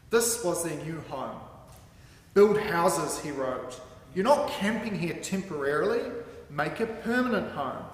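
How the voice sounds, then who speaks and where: In a big indoor hall with a curtained stage, a sermon reader delivers his scripted text deliberately and emphatically into a stand microphone at a lectern. The voice sits high, and the recording is heavily echoey with some background noise.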